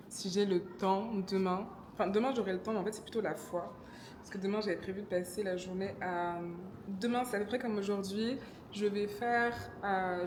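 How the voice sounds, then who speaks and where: Young Congolese woman, casual vlogger, chatty and self-correcting, light background hiss. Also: medium pitch. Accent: Congolese French. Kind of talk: casual vlog narration.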